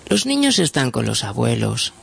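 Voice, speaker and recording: A man reading a story aloud and voicing a soft-spoken man in bed who answers the doctor calmly. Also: medium pitch, creaky, slightly rough, heavily acted. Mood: calm sly. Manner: soft, slow and calm.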